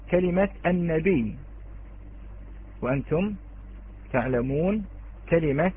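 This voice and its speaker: A man teaching Quranic readings to his students, his voice husky and set a little high. He goes slowly and repeats each key word. The sound is thin and tinny, like a phone call. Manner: slow, repeats key words, addresses students directly. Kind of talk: online lesson on Quranic readings.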